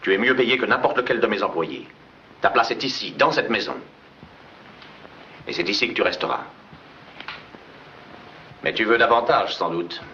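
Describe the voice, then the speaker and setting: A cold, domineering tycoon husband. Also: male voice, on the low side, expressive, moderate pace, pauses often, sharp tone. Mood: contemptuous. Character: cold, controlling rich male tycoon husband. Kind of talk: 1940s film dub acting. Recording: dull old film soundtrack with hiss.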